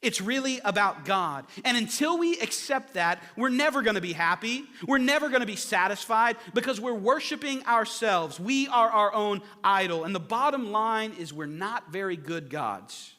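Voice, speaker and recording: A man's voice: sits high, animated, moderate pace, few pauses, pushed and bright. A man preaching an earnest sermon, repeating phrases for emphasis. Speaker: pastor. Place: church sanctuary. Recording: echoey hall with long reverb.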